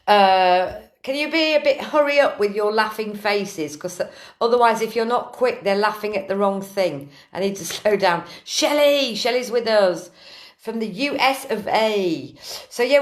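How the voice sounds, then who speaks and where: A woman hosts a casual late-night live stream from her kitchen, talking in an animated, ranting way with earthy swearing. Her voice sits at a middling pitch. The echo of the room comes through clearly. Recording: roomy echo.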